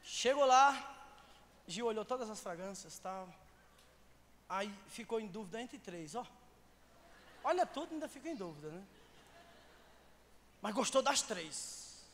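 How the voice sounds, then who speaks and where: A male pastor with a Brazilian Portuguese accent preaching in a church, telling a humorous anecdote with loud bursts and quiet asides. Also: sits high, expressive, unhurried, long pauses. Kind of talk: storytelling sermon. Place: church sanctuary. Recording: long church hall reverb, faint noise.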